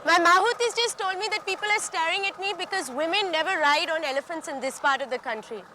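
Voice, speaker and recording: A woman's voice: very high voice, quick pace, pushed and bright, slight background noise. A young woman giving casual travel commentary outdoors as she goes along. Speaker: traveller and presenter. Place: outdoors, riding an elephant.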